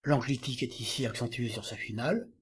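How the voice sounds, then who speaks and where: A man giving a scripted lesson, explaining grammar in a measured, didactic way. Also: medium pitch, breathy edge. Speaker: teacher.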